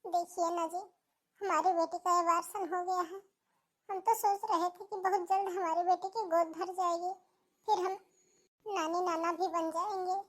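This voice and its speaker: A woman voicing a worried middle-aged mother in an animated family drama, fussy and quick to side with her daughter. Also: extremely high pitch. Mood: urgent. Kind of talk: animated cartoon voice acting.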